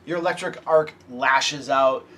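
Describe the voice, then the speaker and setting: A man's voice: mid-range voice, a little slow, pushed and bright. A man running a tabletop fantasy game, switching between descriptive narration and casual table talk. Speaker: game master. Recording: clearly noisy room.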